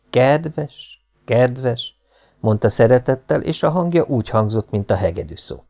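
A man reading a novel aloud as an audiobook narrator, expressive and following the story. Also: lowish voice. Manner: expressive, rises and falls with the story. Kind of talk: scripted narration.

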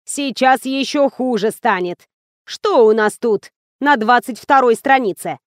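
A shrill, scheming old village woman scolds in a loud, slow, accusing way, as a woman reader puts her on. Her voice sits fairly high. The sound is dry and close. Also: no echo, lightly acted. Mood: scolding.

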